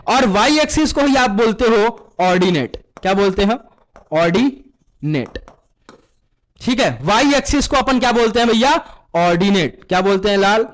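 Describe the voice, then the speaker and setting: A man teaching math in Hindi mixed with English terms, asking the same question over and over and answering it himself, calling students "beta". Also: high voice. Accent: Indian Hindi with English terms. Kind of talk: classroom lesson with call-and-response.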